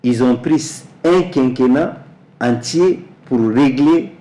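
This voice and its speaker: Slow, deliberate man. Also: medium pitch, dark tone. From Mali. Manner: measured, deliberate, repeats words while searching for them. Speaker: guest, energy specialist. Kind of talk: political interview answers.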